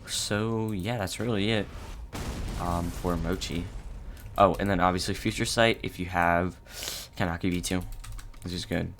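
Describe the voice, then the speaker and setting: A young man narrating a casual gameplay tutorial, halting and low-key with many fillers. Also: steady tone, a bit bright, a little hiss or hum. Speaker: gaming channel host.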